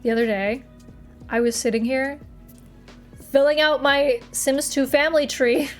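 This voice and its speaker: A young streamer from Massachusetts chats casually with her live chat from her apartment, giggling and trailing off mid-sentence. Her voice sits high with a steady tone and an unhurried pace, and faint music plays behind her.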